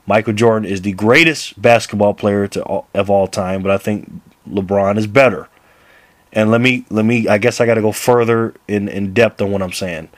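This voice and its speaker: This late-thirties basketball vlogger has a low-set voice and speaks casually to camera, laughing frequently, rambling, and starting sentences over. The recording is close and dry, with no echo from the room.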